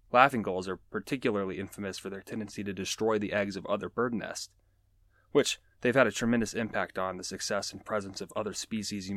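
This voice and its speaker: A man's voice: on the low side, a bit bright, dry recording. A man hosting a nature show, explaining animal facts in a casual, joking way with chatty asides. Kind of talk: casual educational podcast talk.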